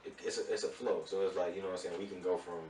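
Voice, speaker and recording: Man, music manager, deep voice, quick rambling talk, roomy room, distant mic, faint hiss. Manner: rambling, relaxed, filler-heavy. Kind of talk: casual interview chat. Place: radio studio.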